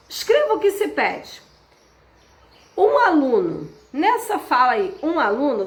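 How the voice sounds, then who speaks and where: A woman teacher giving a patient remote lesson, slowing down to stress key words. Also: high voice. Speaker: schoolteacher. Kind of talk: remote class instructions. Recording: echoey room.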